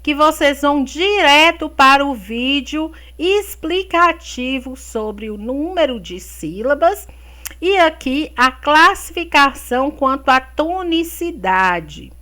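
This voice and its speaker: A woman's voice: high-pitched, expressive, slow, sharp tone. A Brazilian woman teacher with a Brazilian Portuguese accent, guiding her pupils through a remote lesson affectionately, with diminutives and endearments. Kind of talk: remote class guidance.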